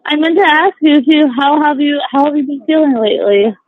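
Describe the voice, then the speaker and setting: A woman's voice: high voice, fairly quick, noisy background. A woman chatting informally over a prison phone call, talking as a friend to an inmate. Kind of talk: casual personal phone chat. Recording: dry, tinny prison phone line.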